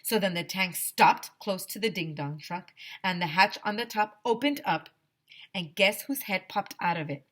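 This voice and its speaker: A woman teacher reads a children's story aloud, expressive, dramatic, and emphatic in her storytelling. Her voice is mid-range and her pace moderate.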